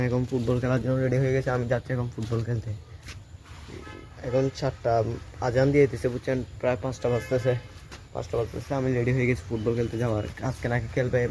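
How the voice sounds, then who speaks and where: A man's voice: medium pitch, rough recording. Young man vlogging outdoors, chatty. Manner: chatty, keeps asking the viewer "understand?"; drops to a hushed voice when people pass. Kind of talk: casual handheld vlog narration. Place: outdoors in a rainy rural village. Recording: outdoor phone audio with clear ambient noise.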